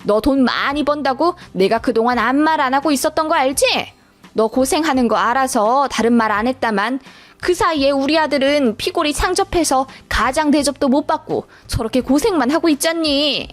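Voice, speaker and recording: A woman voicing a sharp-tongued older mother-in-law who scolds and defends her son. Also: high voice, normal speed, soft background music, close to an everyday voice. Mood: scolding. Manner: scolding, lecturing in informal speech.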